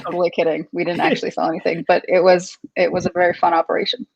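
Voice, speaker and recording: A woman from Kuwait who founded her company and serves as its CEO chats as a guest in a casual interview, thoughtful and upbeat, with many ums and you-knows. Her lowish voice is level in tone, very fast, creaky and slightly rough. The lo-fi recording is dull and dry, with no room sound.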